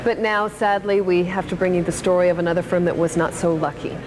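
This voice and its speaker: Low-voiced woman news anchor on a worn tape. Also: little pitch movement, fairly quick. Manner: composed, somber read. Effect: worn tape copy of a TV broadcast. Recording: hissy worn VHS tape copy.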